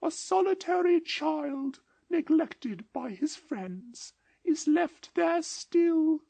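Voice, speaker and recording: A high, airy gentle ghost. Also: female voice, expressive, creaky, no room sound, exaggerated voice. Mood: solemn. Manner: slow, solemn and mild. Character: gentle ageless ghost of the past, otherworldly. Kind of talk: audiobook dramatization.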